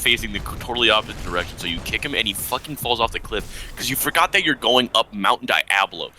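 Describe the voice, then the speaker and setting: Male podcaster, sharp bright tone, swooping delivery, crude jokes. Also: on the low side, fast talker, a little hiss or hum. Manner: animated, crude, absurd storyteller. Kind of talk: casual podcast chat.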